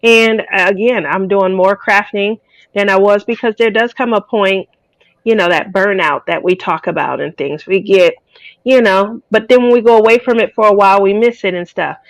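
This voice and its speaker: A woman's voice: mid-range voice, normal speed, no echo, low-quality recording. A woman chatting casually as a guest, rambling with lots of fillers. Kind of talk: casual chat.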